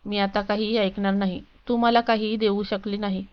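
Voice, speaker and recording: A woman voicing an angry, cruel middle-aged husband who shouts scornfully at his wife and daughter. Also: mid-range voice, level tone, moderate pace, clean tone, highs cut off, close to an everyday voice.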